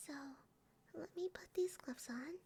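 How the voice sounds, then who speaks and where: Slow, high, sweet, eerily obsessive whispered role-play by a woman. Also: warm tone. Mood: tender menace. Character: sweet, eerily obsessive young yandere woman, sadistic lover.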